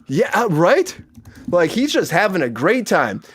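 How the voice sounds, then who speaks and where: Animated, high-voiced male comedy host. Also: a little slow, slightly rough. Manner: rambling, laughing, swearing. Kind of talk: casual comedy chat.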